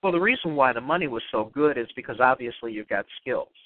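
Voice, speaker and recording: A man's voice: medium pitch, expressive, quick pace, no echo. A man from Chicago's South Side hosting a radio interview, with a learned general American newscaster accent and a chatty, rambling manner full of restarts. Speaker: radio host. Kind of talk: casual interview. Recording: dry phone-line audio.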